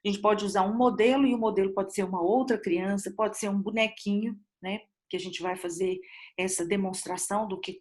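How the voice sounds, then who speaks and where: Chatty woman lecturing an online class. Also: medium pitch. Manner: conversational, with many fillers and restarts. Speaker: dentistry lecturer. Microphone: computer mic on a video call.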